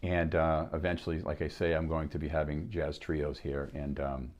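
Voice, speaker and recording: A man in his sixties with a low, deep voice and a Boston accent talks to viewers between tunes on his live stream. His chat wanders, full of fillers and restarts. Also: little pitch movement, moderate pace, darkish tone. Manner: rambling, many fillers and restarts. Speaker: jazz pianist and piano teacher hosting a live stream.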